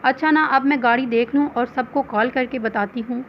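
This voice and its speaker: A woman's voice: sits high, fairly even intonation, normal speed, lo-fi sound, a little hiss or hum. A woman reading the lines of a cheerful, teasing young woman in a recorded novel. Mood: lively. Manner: playful and teasing.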